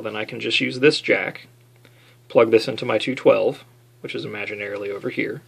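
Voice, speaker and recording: In an unscripted, mildly self-deprecating tutorial, a DIY video maker shows how to modify an amp. His mid-range voice is gravelly and a bit bright.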